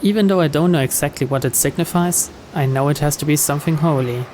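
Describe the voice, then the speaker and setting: Fast and slightly mellow, this rather high male voice reads a visual novel in dramatic first-person style. The player narrating the story is recorded clearly, with background noise audible.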